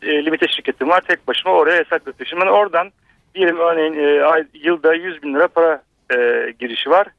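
A man calls in to a radio show on a muffled telephone line. He is fast-talking and aggrieved, stumbling over fillers as he complains. The line sounds dry and dull. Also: fairly high pitch, steady tone, no echo. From Bursa, Turkey. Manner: aggrieved, hesitant, with many fillers. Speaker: radio caller, doctor.

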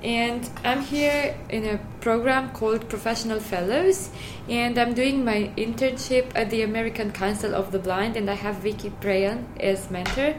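A woman's voice: fairly high pitch, fairly even intonation, moderate pace, noisy background. A young woman from Romania with a Romanian accent, speaking English as a guest in an interview, earnest and careful, with small restarts. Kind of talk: casual interview talk.

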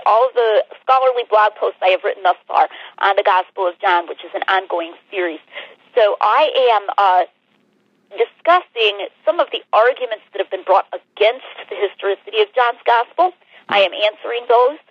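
Woman guest over the phone, husky voice, dry and dull line, measured careful explainer. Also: medium pitch, no echo. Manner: measured, with frequent "uh" hesitations. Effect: heard over the phone. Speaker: author being interviewed.

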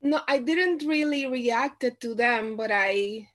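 A woman from Puerto Rico, a visual artist, answering interview questions haltingly with many pauses and restarts. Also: a little high, a bit bright.

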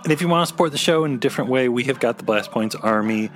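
A man's voice: mid-range voice, rapid-fire. A man chatting casually as co-host of a fan podcast.

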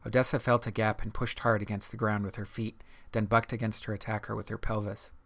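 A male audiobook narrator with a low voice. He reads in a measured, even way and keeps his pitch flat. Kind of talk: scripted narration.

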